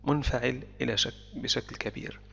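A man with a gravelly, fry-edged voice teaches vocabulary in a calm, explanatory way, breaking each word down with short repeats. The recording has a long, hall-like reverb and a muffled, lo-fi tone. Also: medium pitch, a little fast. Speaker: English teacher. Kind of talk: explanatory language lesson.

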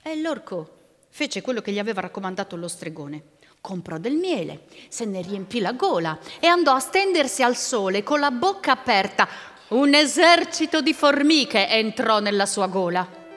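Expressive woman telling a folk tale. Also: on the high side, moderate pace. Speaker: storyteller. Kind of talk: live folk tale narration with music. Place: live performance in a convent hall. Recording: long reverb of a stone hall.

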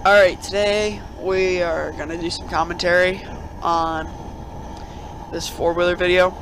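A young man with a cold chats casually at home as a channel host, giving video commentary that rambles with lots of fillers and restarts. His voice is high and flat, a little slow, over a noisy background.

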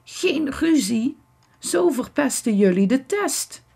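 A woman's voice: on the low side, big pitch swings, slow, vocal fry, darkish tone, breathy edge, exaggerated voice. A woman voicing a sensible, cautious young boy who speaks dryly and sternly in a storybook reading. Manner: dry and stern, keeps the others in line.

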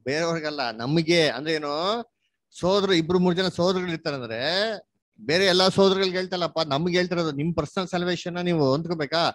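Male Bible study teacher, higher-pitched voice, dry close recording, quizzing his student as he goes. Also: fairly quick, fairly bright tone, dry recording. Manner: questioning, prompts listener to answer and read verses; mixes English words into Kannada. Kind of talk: interactive Bible study lesson.

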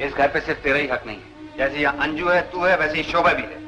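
A principled middle-aged head of the family from a 1960s film drama, firm and fatherly in the way he speaks. His voice sits a little high for a man. A film score plays clearly behind him. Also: quick pace, pushed and bright, poor audio. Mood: stern. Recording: film soundtrack with music behind.

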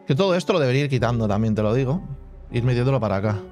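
A man talks his way through a building game in relaxed, chatty commentary, thinking aloud and filling pauses with hummed sound effects. His voice sits at an ordinary middle pitch. Faint game music plays underneath. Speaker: gaming channel host. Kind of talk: casual let's-play commentary.

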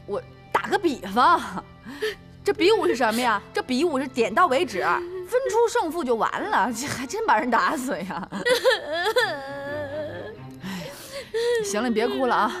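A woman's voice: sits high, big pitch swings, normal speed, long pauses, music in the background. An actress playing a headstrong young noblewoman warrior who breaks into feisty, exasperated, stammering outbursts in a historical TV drama. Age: young adult. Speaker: young heroine.

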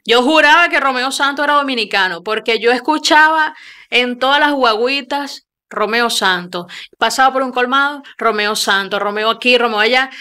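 A young Venezuelan woman hosts a studio chat, talking in a lively, animated storytelling way with lots of repeats. Her voice is bright, smooth and a touch high, close on a desk mic. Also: moderate pace. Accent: Venezuelan Spanish. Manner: lively storytelling with many repeats and hand gestures. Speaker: radio host. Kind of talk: casual interview talk. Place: small studio with screen backdrop.

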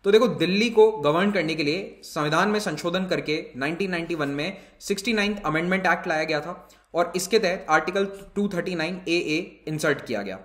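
A male civil services exam educator delivers an explanatory exam-prep lecture that also promotes his course, mixing Hindi and English terms. His voice is fairly high and a little bright, and the room is echoey.

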